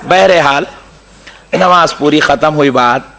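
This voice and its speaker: An animated preacher tells stories to a gathered congregation. His voice sits high for a man and rings bright and forceful. He acts out the people he quotes and keeps turning to the crowd with questions. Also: slow pace, vocal fry. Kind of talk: storytelling sermon to a congregation.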